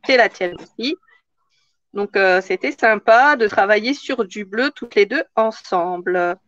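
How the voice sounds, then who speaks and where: A woman's voice: medium pitch, unhurried, a bit bright, no echo, dull audio. A woman hosting a live craft tutorial in casual chat, answering viewer comments as she works.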